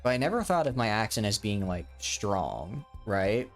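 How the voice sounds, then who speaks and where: This twenty-something streamer speaks in a fairly low, sing-song voice at a moderate pace while gaming live. His casual chat wanders, with lots of fillers and false starts. Some faint music sits in the background.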